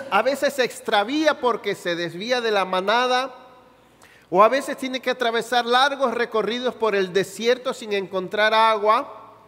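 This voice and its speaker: With a very high voice and a Chilean Spanish accent, a pastor delivers a sermon in an echoing church hall. He poses questions to the congregation and bursts into sudden shouts on slow, heavily stressed words.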